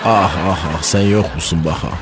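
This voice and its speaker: Malatya guy cohosting a radio comedy bit, drawly chatty banter, soft music under it. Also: low voice, brisk. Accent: Malatya Turkish. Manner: drawling regional Turkish banter, breaks into mock singing. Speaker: radio show co-host.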